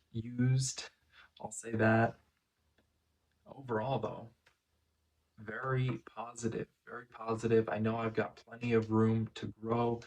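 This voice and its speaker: A man talking casually in a first-person vlog recap, phrasing things in a measured, deliberate way with pauses. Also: mid-range voice, poor audio. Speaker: vlogger.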